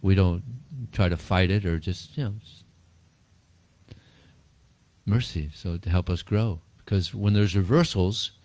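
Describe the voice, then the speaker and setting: Deep-voiced man giving a casual spiritual talk. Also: measured pace, pauses often, a little mellow. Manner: chuckles often, repeats words, rambling storytelling. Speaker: spiritual teacher answering questions. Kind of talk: informal talk and Q&A.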